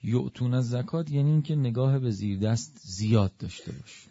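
Animated man preaching a sermon, muffled sound. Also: medium pitch, dry recording. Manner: conversational, animated, rises to emphatic peaks. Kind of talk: religious sermon.

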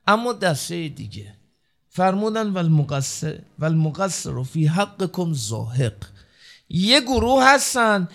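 Male preacher, high voice with a gravelly edge, emphatic pulpit delivery that rises and falls. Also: fairly bright tone. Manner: emphatic, rising and falling preaching delivery, addresses listeners as dear ones. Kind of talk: sermon from the pulpit.

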